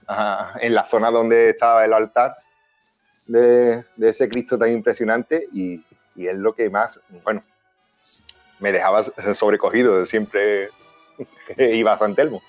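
A man's voice: lowish voice, fairly even intonation, a little slow, no room sound. A man talks casually as a guest, agreeing easily and telling what moved him as a child. His voice sits in the usual male range and sounds dry and dull, with faint music behind. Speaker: guest in a talk show. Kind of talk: casual chat.

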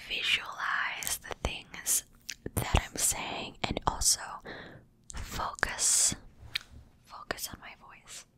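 Slow whispering woman, close to the mic. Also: low-quality recording. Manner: slow soft whispering with gentle repeated words. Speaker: ASMR creator. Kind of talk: whispered ASMR roleplay. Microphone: close microphone.

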